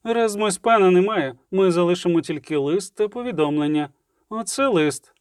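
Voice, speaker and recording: A man's voice: high voice, normal speed, a little mellow, smooth, no echo, studio quality, lightly acted. A man doing a hissing half-elf assassin. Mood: menacing. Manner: hissing, cold. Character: tall menacing male half-elf assassin, cold.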